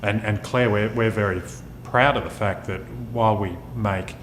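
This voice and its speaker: A man presenting his wine as its maker, giving unscripted sommelier-style tasting notes with halting pauses. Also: fairly even intonation, a bit bright. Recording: echoey room, clear rumbling background noise.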